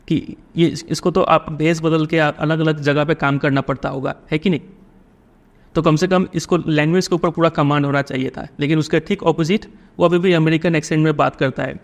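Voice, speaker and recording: A young man teaching a lesson, reading English lines slowly and explaining them in Hindi, often checking with "ठीक है?". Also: a little high. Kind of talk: line-by-line text explanation.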